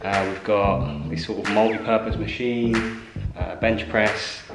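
A man's voice: fairly low pitch, fairly even intonation, measured pace, music in the background. A man giving a casual, chatty tour of his house, moving from room to room and joking as he goes. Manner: chatty, laid-back, jokey asides.

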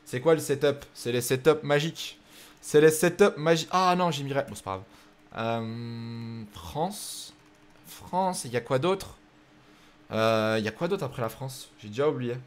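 His medium-pitched voice has lively intonation and a slightly slow pace. A young streamer running a racing game night, he jokes around and chats casually with his audience, musing aloud while arranging the races.

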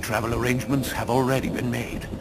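An actor playing a formal, brisk intelligence official giving orders in a video game cutscene. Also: male voice, medium pitch, flat delivery, heavy background noise, natural voice.

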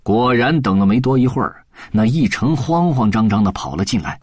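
A man narrating a classic novel as an audiobook in a lively, colloquial storytelling manner, close to the mic. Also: medium pitch, a little fast, husky, no room sound.

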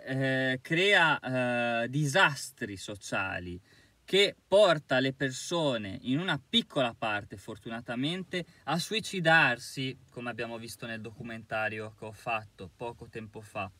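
A man's voice: medium pitch, animated, a little slow, sharp tone, no echo. A man giving an indignant, emphatic monologue to camera as a commentator, with hesitant fillers between his points. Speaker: YouTube commentator.

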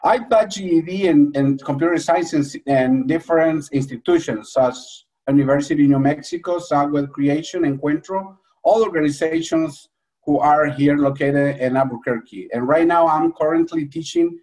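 A man's voice: a little high, a little mellow. An earnest man from Honduras, in his forties, speaks English with a Spanish accent, often restarting his sentences. He is on a video call from a small room at home. His voice sounds somewhat distant from the webcam mic. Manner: earnest, halting with restarts and fillers. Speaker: adult educator and speaker. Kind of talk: prepared personal talk at an online briefing.

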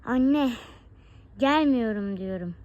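A woman's voice: a little high, lively intonation, slow pace, a little mellow, no echo. A woman voicing a stubborn, defiant daughter of a rich family who talks back in a whiny way, in a game role-play. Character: defiant kind-hearted rich girl. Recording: dull lo-fi recording.

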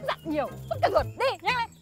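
A woman playing a quick-tempered village wife who argues sharply in a comedy film. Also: very high voice, big pitch swings, music in the background. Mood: indignant. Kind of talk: comic film acting.

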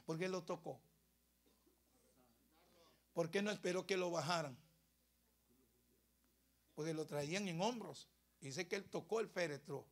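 Brief: Costa Rican male pastor, high voice, emphatic dramatic preaching. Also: a little slow, pauses often. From Costa Rica. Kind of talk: sermon.

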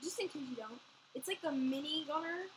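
A woman's voice: high-pitched, fairly quick, a little hiss or hum, poor audio. A woman chatting while playing a computer game at home, explaining game stats and questioning her partner. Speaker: gameplay channel co-host. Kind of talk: casual gameplay chat.

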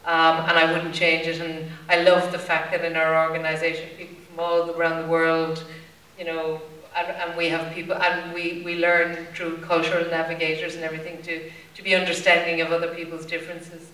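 A woman's voice: low-pitched, completely flat delivery, brisk, fairly bright tone, far from the mic. Chatty Limerick woman in a roomy hall. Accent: Irish, Limerick. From Ireland. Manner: candid, chatty, many fillers and restarts. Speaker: panelist. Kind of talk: conference panel answer.

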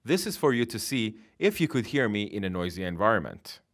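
A man's voice: fairly low pitch, very animated, a little fast. A man reading a scripted microphone test, his voice played from a dummy head's mouth speaker and picked up by a headset microphone. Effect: voice played from a dummy head's mouth speaker, recorded through a headset mic. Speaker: headphone reviewer.

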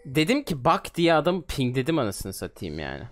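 A man in his twenties giving excitable, trash-talking commentary on his own gameplay. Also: medium pitch, brisk, faint music behind. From Turkey. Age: 20s. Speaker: gaming streamer.

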